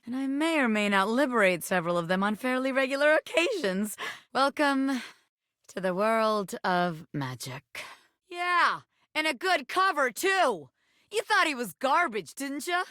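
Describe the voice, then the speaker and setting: A woman's voice: fairly high pitch, sharp tone, dry recording, clean studio sound. An actress voicing a sassy, wisecracking female bobby pin, a brash ex-gangster scammer from a video game, talking in cheeky old-time slang. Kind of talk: video game character voice acting.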